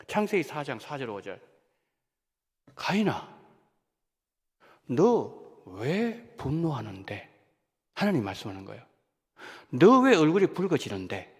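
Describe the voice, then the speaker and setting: A man, a senior pastor, preaching a sermon in a church, talking in an animated way that rises and drops sharply for emphasis. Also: a little high, breathy edge. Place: church sanctuary. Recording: long hall reverb of a church.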